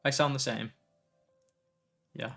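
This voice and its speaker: A man chatting casually on a live tech stream, relaxed and a little tired, reading viewer comments aloud and drifting between topics. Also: mid-range voice, slow pace, vocal fry, soft background music. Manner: relaxed, tired, easily sidetracked, reads chat aloud.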